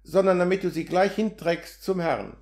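Man reading impatient male surveyor, sharp, exasperated, audiobook, roomy echo. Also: sits high, steady tone, moderate pace.

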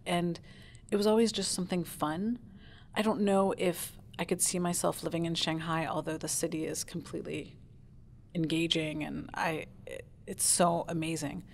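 A woman's voice: deep voice, a little hiss or hum. Chatty American woman, a panel guest. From United States. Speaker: panel guest, business owner. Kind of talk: casual interview talk.

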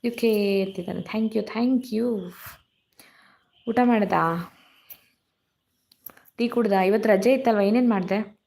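A woman hosting a casual live stream from her phone in a dark room at home, her voice hoarse and cracking from illness as she greets viewers by name. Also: medium pitch, takes it slowly, pauses often. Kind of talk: casual live chat reading comments. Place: dark room at home during power cut.

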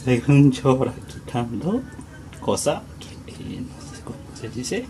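A man whose first language is Japanese, showing how to cook at home in halting, broken Spanish and often stopping to search for words. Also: mid-range voice, very animated, dark tone. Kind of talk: casual cooking demonstration. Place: home kitchen. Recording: noisy home recording.

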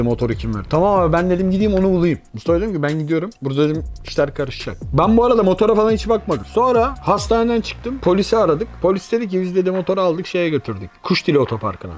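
A man casually retelling a personal story, chatty and full of fillers, acting out his friends' quoted lines. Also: on the high side. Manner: acts out friends' quoted dialogue. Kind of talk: casual anecdote telling.

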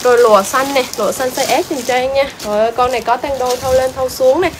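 A woman's voice: high voice, fairly even intonation, fast, noisy background. A woman selling clothes on a livestream, chatty and exclaiming, repeating prices over and over. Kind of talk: fast live-selling patter.

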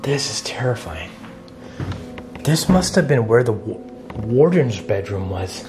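With a fairly low, sing-song voice and an unhurried pace, a man in his thirties wanders an empty old jail, casually and nervously talking to the handheld camera at arm's length. He reacts aloud to his finds in this haunted-jail vlog, and the bare rooms echo with music running beneath.

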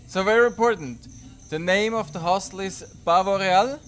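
A man hosting a travel vlog, interviewing a guest outdoors in an upbeat, quick way. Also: high voice, a bit bright, soft background music. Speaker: host. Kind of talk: casual interview.

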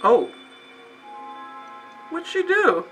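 A woman's voice: sits high, big pitch swings, very slow, fairly bright tone, faint music behind. A young woman reacting to a movie for the first time, with squealing exclamations and laughing reactions.

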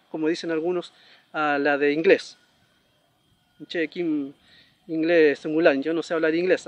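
A man teaching a pronunciation lesson, saying words slowly and repeating them, often checking in with a quick question. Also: a little high, no echo, highs cut off. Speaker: language teacher.

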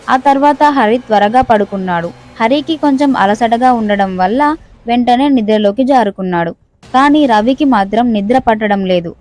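A woman storyteller reading a scripted horror story in a steady, suspenseful manner. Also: on the high side, no echo.

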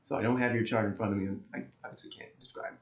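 In an echoey, warm indoor room, a man co-hosting an astrology talk rattles through chart explanations at a racing pace. His pitch is fairly low and his tone steady, yet he stays chatty and laughs easily.

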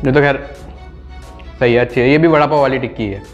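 A man's voice: medium pitch, quick pace, dull audio, soft background music. A man reviewing street food for a vlog, chewing while talking and giving chatty, enthusiastic verdicts. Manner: chatty, enthusiastic tasting remarks. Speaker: food vlogger.

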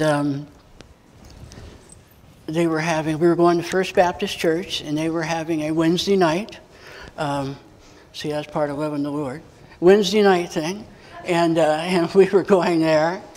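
A middle-aged American man preaching, telling a personal story in a folksy way, acting out the dialogue and chuckling as he goes. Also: a little high. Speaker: pastor. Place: church sanctuary. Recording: long reverb of a church hall.

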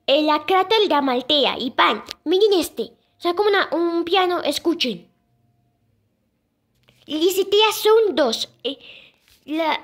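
A young girl casually presenting sound clips, pausing often and repeating "listen" and "I mean". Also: extremely high pitch, fairly bright tone. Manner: halting, repeats "escuchen" and "o sea". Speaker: video creator presenting moon sounds.

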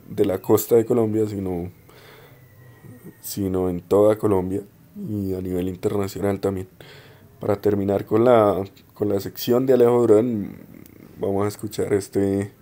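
Low, mellow-voiced young man presenting. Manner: unhurried, explanatory, frequent hesitations. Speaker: student presenting his degree project. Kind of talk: informal spoken presentation.

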